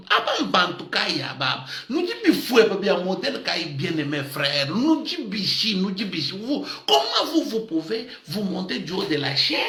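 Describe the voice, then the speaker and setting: A man preaching an animated sermon as a pastor, lively and often laughing, mixing in African words. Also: high voice, reverberant. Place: church in Madrid.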